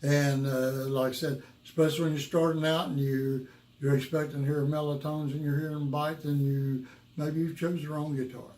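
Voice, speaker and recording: A man teaches guitar in a roomy, echoing space. His voice is worn yet mellow and sits a little high. He talks casually and folksily, halting and circling back over what he has said. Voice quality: worn voice from years of rock and roll. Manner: folksy, halting, repeats himself. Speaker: guitar teacher and video host. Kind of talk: casual instructional talk to viewers. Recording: roomy, echoing room sound.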